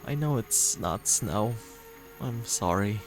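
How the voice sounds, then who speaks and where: Here the same kind of role, a soft-hearted, unsure young man from a dating sim, sounds relieved and tender as the actor speaks in a lowish, animated voice. His reading of the dramatic game dialogue is halting and earnest, with music underneath and a rough recording quality.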